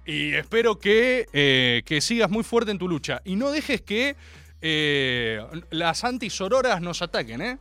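A young man with a Rioplatense Spanish accent holds forth as a radio host, his high voice jumping all over with bright, sharp energy. His mock-serious, ironic rant is close-miked in a dry studio. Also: big pitch swings, unhurried, no room sound, soft background music. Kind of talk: comedic radio monologue. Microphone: studio microphone.

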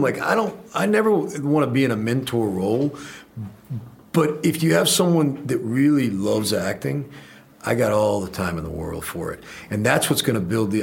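A man's voice: fairly low pitch, creaky. A man, an actor guest in an interview, telling stories with animation and acting out the quotes. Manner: animated storyteller, acts out quotes. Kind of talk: interview storytelling.

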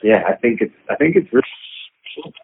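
A man being interviewed, speaking in a halting, rambling way with lots of fillers. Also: fairly low pitch, lively intonation. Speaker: interviewed pro cyclist. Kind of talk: recorded interview. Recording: husky voice over a tinny phone line.

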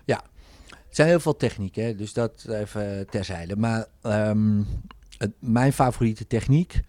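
A man's voice: on the low side, unhurried, dry recording. A man, a hypnotherapist telling in casual talk how he works, acting out bits of his sessions. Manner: animated storytelling, acting out client dialogues.

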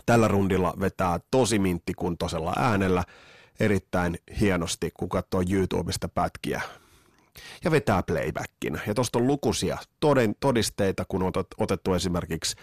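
A man's voice: deep voice, dry recording, clean studio sound. A middle-aged man hosting a podcast, talking casually in a nostalgic, opinionated way with sarcastic asides. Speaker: podcast host. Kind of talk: casual monologue.

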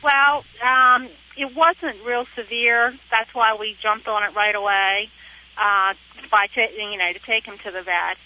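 A woman's voice: on the high side, fairly even intonation, measured pace, pushed and bright. A woman from Pennsylvania calling in to a radio show from her car, heard over the phone, chatty and explaining in rambling detail. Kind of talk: casual call-in chat. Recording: dull, lo-fi phone line.

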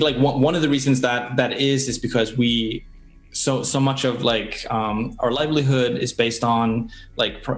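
A man, a filmmaker being interviewed, talking hesitantly with many fillers and restarts. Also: medium pitch. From Iceland. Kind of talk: casual interview.

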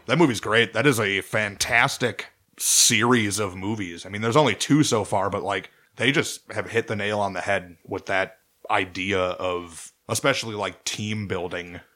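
Casual podcast co-host, male, lower voice, swears freely, rambles enthusiastically. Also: moderate pace, pushed and bright. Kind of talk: casual chat.

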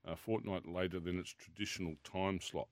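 A man's voice: low voice, fairly even intonation, moderate pace. A man with an Australian accent hosting a casual racing radio show, teasing his co-hosts in a jovial way. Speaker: radio host.

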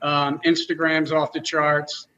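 A man with a Philadelphia accent, a coffee roaster guest chatting casually and haltingly. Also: on the high side, monotone, pushed and bright, highs cut off. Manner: hesitant, full of fillers. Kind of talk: casual chat.

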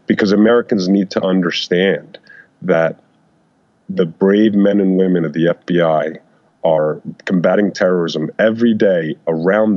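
A man giving interview answers through an electronically disguised deep voice, speaking in a measured, careful way with frequent "uh" and "um". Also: darkish tone, no room sound. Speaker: interview guest. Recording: dull, lo-fi processed voice.

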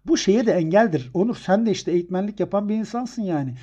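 A man's voice: sits high, animated, fast talker, dark tone. A man chatting casually on a podcast, telling stories as a lecturer and laughing often. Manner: chatty storyteller, laughs often, acts out emails. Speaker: podcast co-host, university lecturer. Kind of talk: casual chat.

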